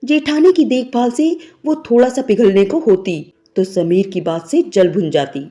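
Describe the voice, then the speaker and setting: With a music bed underneath, a storyteller tells a sentimental, scripted moral tale. Her voice is on the high side, warm, and unhurried.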